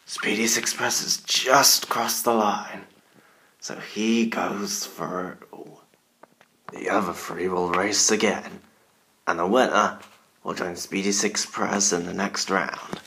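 A man's voice: sits low, fairly even intonation, slow pace, creaky, bright, forceful tone, a little hiss or hum. A man commentating a toy car race in a put-on scary Halloween voice, calling out bursts at each start.

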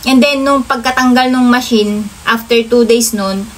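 A woman's voice: a little high, steady tone, normal speed, low-quality recording. A woman telling a personal story to her viewers in a casual vlog, often calling them guys. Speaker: vlogger.

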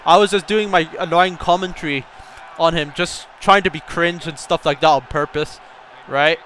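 A young man commentating his own gameplay, telling a story and bursting into excited shouts at the game. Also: fairly high pitch, moderate pace, slight background noise. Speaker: gaming YouTuber.

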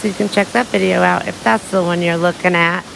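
Casual woman vlogger with a gravelly edge, on a phone outdoors with loud waterfall noise. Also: fairly low pitch, steady tone. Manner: chatty, exclaims at the scenery. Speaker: travel vlogger. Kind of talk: casual walking tour commentary. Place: forest trail by a waterfall, outdoors. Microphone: handheld phone camera. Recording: loud rushing water over the voice.

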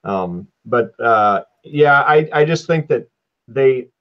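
A man hosting a casual chat about cars, talking in an easygoing, halting way. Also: medium pitch, animated, highs cut off. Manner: easygoing, halting, many fillers. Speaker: host.

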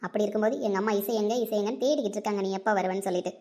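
A woman's voice: mid-range voice, very fast, dark tone, lightly acted. A woman voicing a caring young woman reassuring her best friend, in a read-aloud audio story. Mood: tender. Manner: tender, reassuring.

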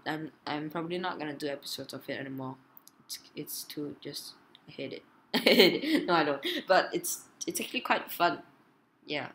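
A woman playing a voice-controlled game, yelling and shrieking at it, then talking in a frustrated way, recorded indoors at a table. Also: sits low, slight background noise. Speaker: gaming YouTuber. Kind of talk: gaming commentary.

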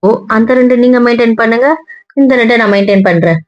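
A woman with a sharp tongue who teases her husband in casual family banter. Her voice is recorded close and dry, with a dull, lo-fi tone. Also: fairly high pitch, quick pace, dry recording. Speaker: wife in a family skit.

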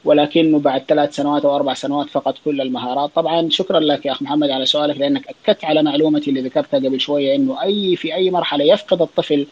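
This child psychiatrist, a man with a Saudi Arabic accent, fields audience questions at a fast clip during an informal Q&A in an online audio room, often restarting and filling gaps as he explains. His pitch runs a bit high for a male voice, with a steady, slightly rough tone. The sound quality is muffled and lo-fi.

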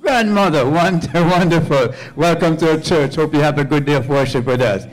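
With a handheld mic, an older man who pastors the church moves through the sanctuary pews, welcoming visitors by name, warmly repeating them, and calling for amens. His voice is a little high and a little fast, faint music plays behind him, and the audio is poor.

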